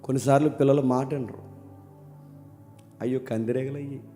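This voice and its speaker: A man preaching a sermon, talking casually and then rising into loud, emphatic questions. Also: mid-range voice, fairly even intonation, normal speed. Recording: long hall reverb with faint music.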